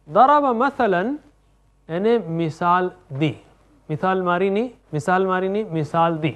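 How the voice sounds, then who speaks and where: The high-pitched voice belongs to a man teaching Quranic Arabic, who drives his students on through an animated lesson. Verb conjugations are chanted in an even, steady rhythm.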